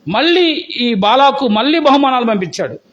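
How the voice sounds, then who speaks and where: A man's voice: very high voice, expressive, moderate pace, fairly bright tone, highs cut off. A male pastor preaching a sermon, telling stories and firing rhetorical questions at the congregation in an emphatic, exhorting way. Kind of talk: sermon storytelling.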